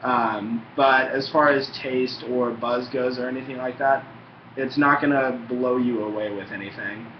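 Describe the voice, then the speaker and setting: A man's voice: medium pitch, fairly even intonation, unhurried. Young guy rambling with a fat dip in his lip, roomy muffled recording. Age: young adult. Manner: laid-back, frequent swearing. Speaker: tobacco review vlogger. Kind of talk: casual rambling chat. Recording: muffled, roomy, faintly noisy home recording.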